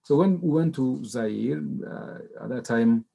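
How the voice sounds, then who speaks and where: A middle-aged man from Rwanda speaks as a panelist, his voice mellow and relaxed at an ordinary pitch. He talks in a measured, halting way and often restarts his words. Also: creaky. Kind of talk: personal testimony on a panel.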